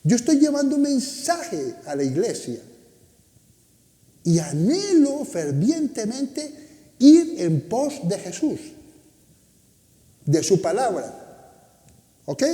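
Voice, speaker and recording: A man's voice: sits high, warm tone. A man preaching a sermon as pastor, emphatic and often asking the congregation questions. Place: church hall. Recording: echoey hall.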